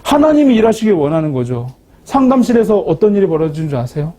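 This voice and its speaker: Guy telling his faith story, warm husky voice, pokes fun at himself. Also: high voice, fast talker. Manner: lively, self-mocking storytelling. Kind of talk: storytelling testimony talk.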